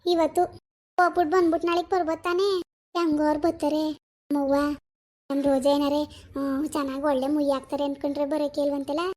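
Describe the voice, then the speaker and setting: A woman plays a fretful older village mother in a cartoon. She chatters quickly, sighing and fussing. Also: sits high, little pitch movement, a little mellow, close to an everyday voice. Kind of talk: animated cartoon voice acting.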